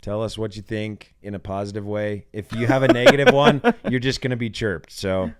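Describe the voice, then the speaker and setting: A man co-hosting a casual sports podcast, speaking with a voice that is rough from illness. He talks with enthusiasm and often repeats words as he thinks. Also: fairly low pitch, steady tone, fairly quick. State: sick voice. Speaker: co-host.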